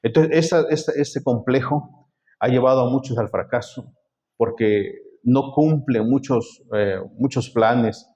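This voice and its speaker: A man's voice: mid-range voice, a little slow, mellow, lo-fi sound. A man preaching a sermon in a church, often turning to the congregation with rhetorical questions. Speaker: pastor.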